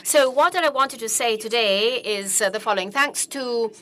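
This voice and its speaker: A woman giving an earnest religious testimony in a talk, speaking haltingly with frequent hesitant pauses. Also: a little high, a bit bright, slight background noise.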